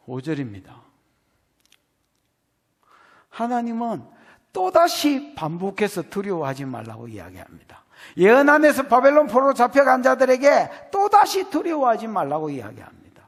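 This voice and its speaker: Brief: folksy Gyeongsang male pastor preaching, raspy and gravelly, pitch jumping all over, reverberant sanctuary. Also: huge pitch swings, normal speed. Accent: Gyeongsang Korean. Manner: emphatic, folksy, addresses the congregation directly. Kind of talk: sermon. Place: church sanctuary. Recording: long reverb of a church hall.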